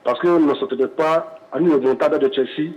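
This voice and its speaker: A man's voice: on the high side, brisk, highs cut off, slight background noise. A man phoning in to a sports show and giving his football opinion emphatically, with rhetorical questions. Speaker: caller.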